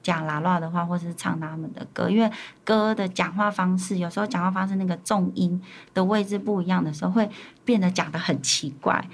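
A woman's voice: fairly low pitch, fairly even intonation, fairly quick. A woman teacher from Taiwan's Paiwan community, chatting in an interview and acting out little quoted exchanges. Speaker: elementary school teacher and administrator. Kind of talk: conversational interview answers.

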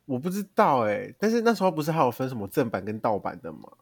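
A young man from Taiwan, co-hosting a casual chat podcast, telling stories in an animated, exaggerated way with frequent laughter. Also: medium pitch, fast talker, vocal fry, slightly rough, no room sound, clean studio sound. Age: young adult. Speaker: podcast co-host.

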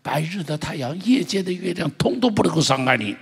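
Fervent husky-voiced male pastor preaching. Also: fairly high pitch, lively intonation, fairly quick. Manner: fervent preaching with loud exclamations, urging the congregation to repeat. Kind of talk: impassioned sermon. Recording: long church-hall reverb.

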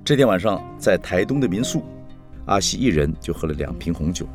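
A man narrating a story in a conversational, animated way. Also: deep voice, fairly quick, faint music behind.

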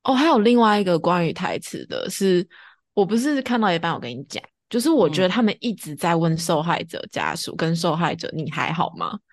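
Low-pitched woman with Taiwanese Mandarin accent. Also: big pitch swings, a little fast. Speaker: podcast co-host reviewing TV drama. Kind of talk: casual conversational discussion.

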